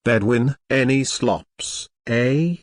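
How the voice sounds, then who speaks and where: A man voicing a kindly, fussy old gentleman in a storybook reading, speaking in gruff, clipped questions. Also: mid-range voice, very slow, no room sound, clean studio sound. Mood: brusque, fussy.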